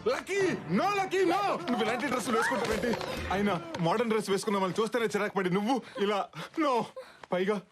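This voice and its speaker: An actor playing a scheming young man who talks people around with quick, wheedling persuasion in a film comedy. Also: high voice, loud music behind the voice, close to an everyday voice. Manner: fast-talking, persuasive, wheedling. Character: scheming fast-talking young man, comic lead. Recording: film score behind.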